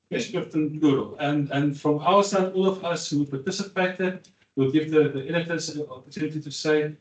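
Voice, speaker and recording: Man, department head welcoming guests, fairly high voice, stop-start delivery, recorded from afar in a reverberant hall. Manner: hesitant, repeats words, joking. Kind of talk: ceremonial welcome speech. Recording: echoey hall, mic far off.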